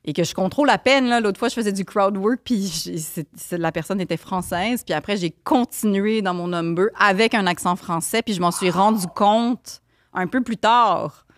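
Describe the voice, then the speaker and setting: A woman's voice: mid-range voice, normal speed, dry recording. A middle-aged woman from Montreal, with an accent that blends Quebec and France French, chatting casually as a guest with rambling restarts. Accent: hybrid of Quebec and France French. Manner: rambling, with frequent restarts and fillers. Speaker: guest comedian. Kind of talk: casual podcast chat.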